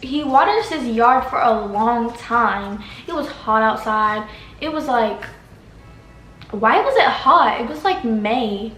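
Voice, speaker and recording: A woman's voice: on the high side, lively intonation, takes it slowly, fairly bright tone, faint music behind. A teenage girl telling a story in a casual, dramatic way, full of slang. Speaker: vlogger. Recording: echoey room, faint background hiss.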